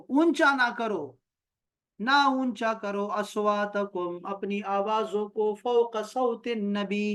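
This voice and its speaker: Slow, patient man teaching Arabic grammar. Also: sits high, fairly bright tone. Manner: recites Arabic phrases slowly, then explains them patiently in Urdu; asks students questions and checks their answers. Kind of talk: online class lecture. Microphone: video call.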